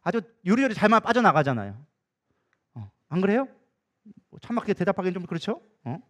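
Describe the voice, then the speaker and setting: A man pastor preaching a sermon in a lively, conversational way, acting out the voices of the people in his story. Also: high voice, fast. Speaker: co-senior pastor.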